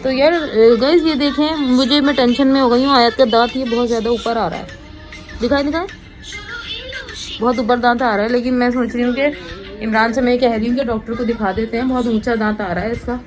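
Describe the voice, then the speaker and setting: A woman's voice: a little high, fairly even intonation, quick pace, soft background music, poor audio. Chatty mother vlogging at home. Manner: chatty, talks to camera and her kids. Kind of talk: casual home vlog chat.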